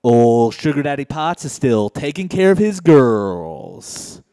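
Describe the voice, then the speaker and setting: A young man from Indiana doing a stand-up set on a comedy club stage, deadpan and low-key with sudden loud outbursts. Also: slow pace, clear, resonant tone, no echo, clean studio sound.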